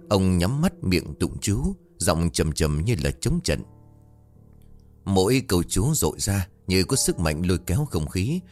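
A man's voice: low voice, darkish tone. A man narrating a horror story in a dramatic, suspenseful way.

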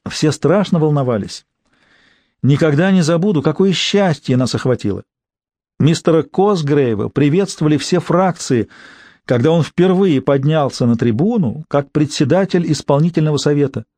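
A man's voice: a little high, animated, normal speed, warm tone, no room sound, voice pushed up. A man reading an audiobook, voicing a reserved woman in her sixties who answers in a cool, dryly polite way. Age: 60s.

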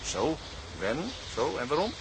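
In a radio drama, an actor voices an older, thrifty sea captain, speaking in a measured, fatherly way full of hums and repeated murmurs. His male voice sits a little high and swings hugely in pitch, with a noisy background behind him. He sounds curious and probing.

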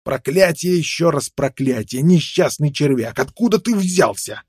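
A man's voice: mid-range voice, moderate pace, warm tone, no echo, studio quality, close to an everyday voice. A man voicing a menacing, contemptuous young frontiersman with a knife, snarling threats in an audiobook. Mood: threatening.

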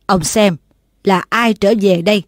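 A woman's voice: medium pitch, fairly even intonation, unhurried, no room sound, clean studio sound, lightly acted. A woman voicing a cold, stern old grandmother who answers curtly, in an audiobook. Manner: cold, curt.

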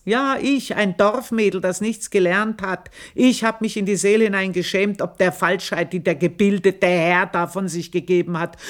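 An Austrian actress with a fairly low voice plays a proud, jealous maidservant born in a village, recounting her story in a dramatic first-person radio monologue. Her delivery is confiding and earthy, with drawn-out emphasis, in a literary storytelling style.

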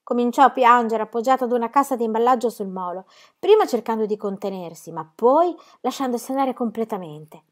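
A woman's voice: on the high side, brisk. Woman reading a storybook aloud. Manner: calm, expressive narration. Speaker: reader.

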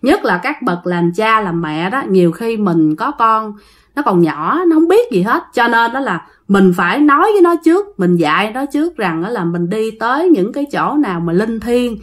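A woman's voice: on the high side, sing-song, moderate pace. A woman with a Southern Vietnamese accent retelling a ghost story, talking straight to her listeners and repeating words to build suspense.

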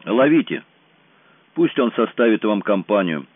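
A man's voice: fairly low pitch, big pitch swings, unhurried, no echo. A man reading a jittery, grim kidnapper. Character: nervous male kidnapper, shaky and grim. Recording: dry, tinny phone-like sound.

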